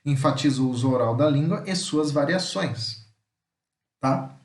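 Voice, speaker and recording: A man's voice: on the high side, a little slow, far from the mic. A man with a Brazilian Portuguese accent teaching an online language lesson. He explains in a chatty, corrective way and ends nearly every phrase with a checking "tá?". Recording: roomy echo.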